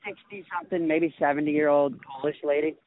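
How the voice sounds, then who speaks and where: A man chatting casually as a podcast co-host, rambling and halting with many fillers, walking outdoors in a busy city area. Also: fairly high pitch, flat delivery. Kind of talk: casual chat. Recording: tinny phone line with faint noise.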